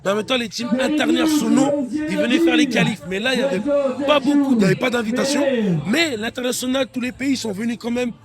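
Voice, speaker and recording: A man's voice: very high voice, fast, a loud crowd. A man presenting backstage in a laid-back, slangy casual chat about the event.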